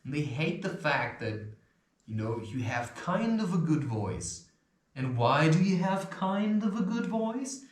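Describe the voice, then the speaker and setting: This self-help video host has a voice on the high side, sing-song and measured in pace. He rambles through spiritual advice with occasional stuttering, chuckles and curses, recorded in a room with noticeable echo.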